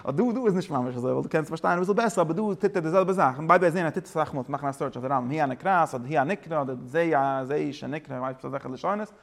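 Male teacher, quick rambling delivery, slightly high voice, sprinkles in english asides. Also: creaky. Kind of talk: Talmud study lesson.

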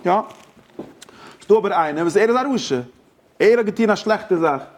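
Fairly high-voiced man giving a religious lecture. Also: lively intonation. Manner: halting, searching for words, mixing in English terms. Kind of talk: informal Torah lecture.

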